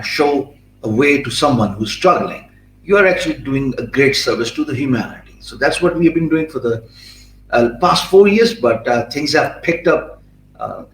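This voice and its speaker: A middle-aged Pakistani man, whose first language is Urdu, answers interview questions in English with a Pakistani accent. He's fluent yet filler-heavy, restarting often and pausing for emphasis. His medium-pitched voice is reverberant, with slight background noise and rough recording quality.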